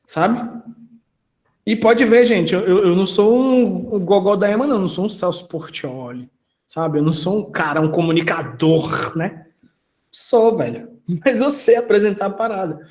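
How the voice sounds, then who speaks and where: A man's voice: sits high, lively intonation, normal speed, a little mellow, reverberant. A man mentoring an online audience in a casual, slangy talk, asking them questions as he goes.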